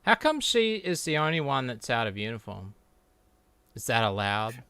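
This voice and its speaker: A man's voice: medium pitch, sing-song, normal speed, creaky, pushed and bright, clear, resonant tone, dry recording. A man co-hosting a casual stream chat, sarcastic and mocking as he reads comic text aloud. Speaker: co-host.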